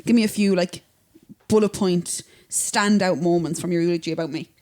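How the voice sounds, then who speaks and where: A woman's voice: fairly low pitch, moderate pace, a little mellow. A young Irish woman co-hosting a podcast, chatting in a playful, sweary, laughing way. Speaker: podcast co-host. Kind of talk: casual chat.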